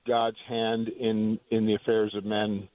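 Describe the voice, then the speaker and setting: A man from Maine calling in to a radio show over the phone, talking in a halting way as he searches for words. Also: fairly low pitch, completely flat delivery, dry recording. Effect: heard over the phone. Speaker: caller. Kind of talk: call-in radio chat. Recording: tinny dry phone line.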